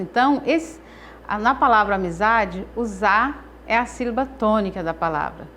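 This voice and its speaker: Woman, Brazilian accent, teacher, slow deliberate syllables, mid pitch, faint background hiss. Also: a bit bright. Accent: Brazilian Portuguese. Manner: slow, stresses syllables, repeats phrases. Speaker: Portuguese teacher. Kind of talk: recorded class lesson.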